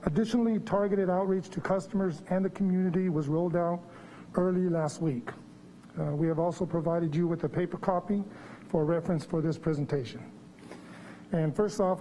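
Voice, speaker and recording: A water quality manager gives a formal staff presentation in a public board meeting room, his words slightly muffled by a face mask. His voice is high-pitched and mellow, with a little hiss or hum on the recording.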